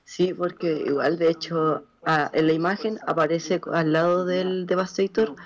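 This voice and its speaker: Chilean male radio-show caller, flat, fairly high voice, muffled phone-line sound, casual enthusiast. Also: normal speed. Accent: Chilean Spanish. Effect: caller heard over a phone line. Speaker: caller to a podcast. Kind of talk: casual chat. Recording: dull lo-fi phone call.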